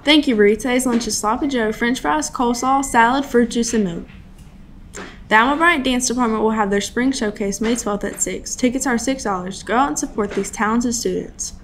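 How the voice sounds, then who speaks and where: A woman's voice: fairly high pitch, normal speed, slight background noise. A young woman anchoring scripted school morning announcements at a desk microphone. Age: teens to young adult, high school student. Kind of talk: scripted news announcements read to camera. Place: small studio at a desk. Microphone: desktop microphone.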